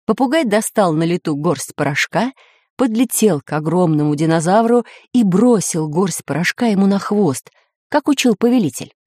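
Storybook narrator, woman, expressive and animated, dry sound. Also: on the low side, normal speed, no room sound. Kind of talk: storybook reading.

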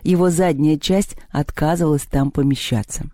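Mellow-voiced audiobook narrator. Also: medium pitch, fairly even intonation, moderate pace, no echo, clean studio sound. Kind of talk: scripted narration.

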